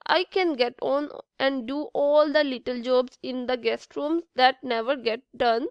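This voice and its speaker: A woman's voice: high-pitched, fairly even intonation, a little slow, clear, resonant tone, no echo, muffled recording. A woman voicing a cheerful, keen giraffe who works in a storybook hotel. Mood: happy. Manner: happy, keen.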